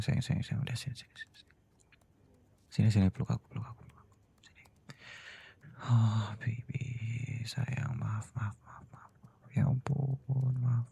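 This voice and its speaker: A man doing a deep, gravelly husband in whispered role-play. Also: quick pace, heavily acted. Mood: tender soothing. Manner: cold and scolding, then soft and pleading. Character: stern boss who is a doting husband. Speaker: voice actor.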